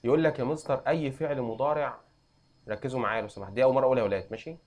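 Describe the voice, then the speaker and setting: A young adult man with an Egyptian accent, teaching an Arabic grammar lesson and quizzing students with quick questions. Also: mid-range voice, fairly even intonation, a little mellow. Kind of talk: classroom lesson.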